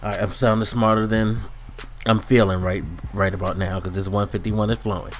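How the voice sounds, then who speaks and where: Grumbling low-voiced man on a back-in-my-day rant. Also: level tone, a little fast. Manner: grumbling, exasperated back-in-my-day griping, slangy. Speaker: online video ranter. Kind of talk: casual old-man rant to viewers. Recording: music playing under the voice. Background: background music.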